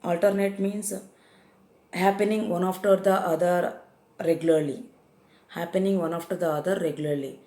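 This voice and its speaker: Speaking at normal speed with fairly even intonation, a woman with a lowish, mellow voice and an Indian English accent leads a vocabulary lesson in a roomy-sounding space. She explains confusable English words, restating each definition and often hesitating with fillers.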